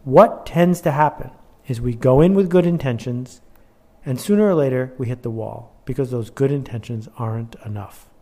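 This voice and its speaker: A man of ordinary pitch gives a motivational instructional talk about his own workbook. He builds his points through repetition and pointed rhetorical questions, speaking with steady emphasis. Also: normal speed.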